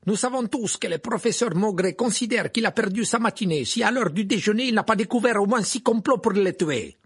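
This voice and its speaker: A man's voice: expressive, moderate pace, vocal fry, slightly rough, full character voice. A man voicing a haughty, irritable male headmaster in an audiobook, indignant and scornful. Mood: haughty indignation. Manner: shrill, indignant, sneering. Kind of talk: audiobook character voice.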